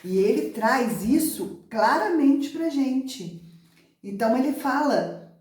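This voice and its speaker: Speaking slowly in a high, slightly mellow voice with lively intonation, a middle-aged Brazilian teacher tells viewers how she learned to read and discusses literacy methods. She has a Brazilian Portuguese accent and emphatically repeats key words. The room is echoey.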